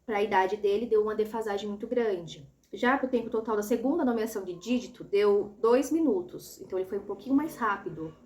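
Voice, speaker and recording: A woman's voice: medium pitch, brisk, hardly any pauses, darkish tone. A woman explaining an assessment step by step, patiently and often checking that the listener is following. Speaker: educator explaining a child assessment. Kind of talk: instructional tutorial.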